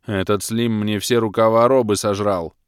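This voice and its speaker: A man's voice: on the low side, fairly even intonation, normal speed, smooth, dry recording, clean studio sound, lightly acted. Man doing a complaining hapless prisoner. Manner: complaining, rattling off words.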